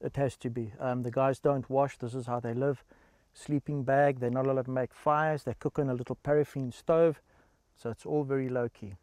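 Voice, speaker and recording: A man's voice: medium pitch, fairly even intonation, moderate pace, a little mellow, no echo. A man giving plain-spoken interview answers as an anti-poaching trainer.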